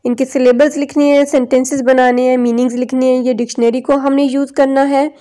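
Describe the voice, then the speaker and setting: A woman teacher giving a recorded textbook lesson. She reads English text slowly word by word, then explains it in Urdu. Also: high-pitched, flat delivery, dark tone.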